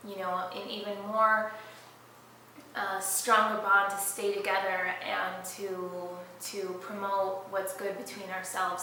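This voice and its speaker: A young woman from Detroit chats earnestly through viewer questions, leaning on fillers as she thinks aloud. Her voice is bright and carries, but she sits some distance from the mic. A strong echo fills the room around her. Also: mid-range voice, a little hiss or hum. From Detroit, Michigan, United States. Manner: earnest, conversational with frequent fillers. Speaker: founder of a hijab fashion brand, answering viewer questions. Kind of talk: casual chat, Q&A.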